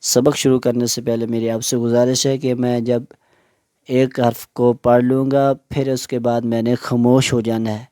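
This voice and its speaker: A male Quran teacher giving a lesson, slowly spelling out letters and syllables, drawn out for learners to repeat. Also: medium pitch, little pitch movement, warm tone, clear, resonant tone, dry recording, studio quality.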